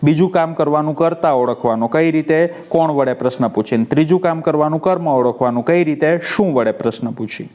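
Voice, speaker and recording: A man's voice: a little high, a little fast, few pauses, a little mellow. A man with a Gujarati accent teaching English grammar in a video lesson, drilling students with repeated questions and answers. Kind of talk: classroom-style video lesson.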